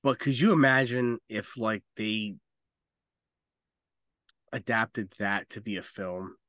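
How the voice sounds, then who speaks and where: This podcast co-host talks slowly in a fairly low, slightly bright voice with no room sound. He chats casually about games and films, giving blunt opinions and swearing plenty.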